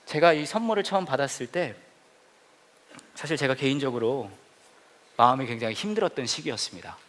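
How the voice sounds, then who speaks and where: A man's voice: mid-range voice, lively intonation, brisk, a bit bright. A male pastor telling a humorous, self-mocking story in a sermon to a congregation. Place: church service before a congregation.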